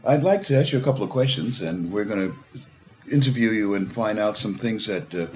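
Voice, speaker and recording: A man's voice: lowish voice, lively intonation, fairly quick, a little mellow, a little hiss or hum. A man hosting an interview show, introducing a guest in a rambling, stumbling way. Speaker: host.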